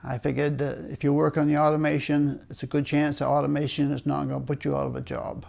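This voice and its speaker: Gravelly older man with a Maine accent. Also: on the high side, little pitch movement, quick pace, a little mellow. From Maine, United States. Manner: wry, understated humour with chuckles. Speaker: retired paper mill worker being interviewed. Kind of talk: oral history storytelling.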